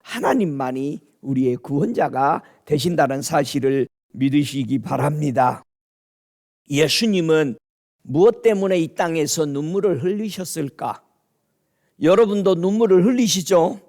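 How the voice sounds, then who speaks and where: A male pastor preaching a sermon, reading scripture slowly and solemnly, then asking the congregation questions and answering them himself. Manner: climbs to high, near-shouted emphasis.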